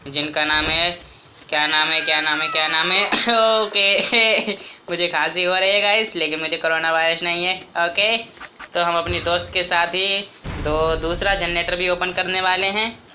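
A man giving casual, jokey gameplay commentary as a gaming YouTuber, talking excitedly to his viewers. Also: high-pitched, unhurried, background noise. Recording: game music clearly behind voice.

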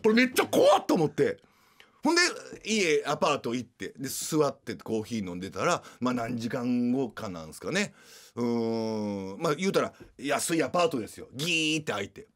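A man's voice: mid-range voice, very animated, normal speed, fairly bright tone. A man with a Kansai accent, hosting a radio show and animatedly retelling scenes in casual storytelling. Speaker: radio host.

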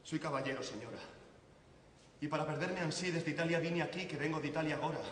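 A man's voice: a little high, fast, fairly bright tone, slight background noise, natural voice. A gallant young dance master, played by a man on a stage. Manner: declaiming verse. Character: young male dance master, courtly suitor. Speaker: stage actor. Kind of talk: classical verse theatre. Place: open-air theatre stage. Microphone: far camera. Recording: echoey theatre stage from far off.

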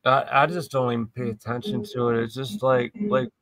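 A man's voice: medium pitch, flat delivery, a little fast. A man from Baltimore with an American accent, chatting casually on a panel with slangy, heavy swearing. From Baltimore, United States.

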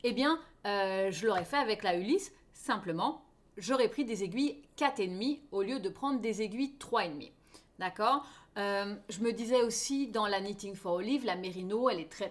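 Chatty woman teaching knitting. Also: on the high side. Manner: chatty, checks in often with her viewers. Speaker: knitting teacher hosting a knit-along. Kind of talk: live online knitting class.

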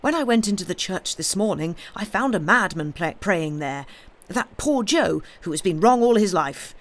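In an earnest audiobook performance, a man voices a high-strung, agitated young male curate whose dialogue comes out excitable, stammering and unsteady. He reads at normal speed.

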